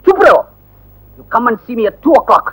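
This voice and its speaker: Shrill, blustering schoolteacher. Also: male voice, animated, drawn-out words, full character voice, rough recording. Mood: lecturing. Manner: shouting, mixes English and Hindi, comic bluster. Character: blustering, pompous male Hindi teacher. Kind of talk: 1980s film acting.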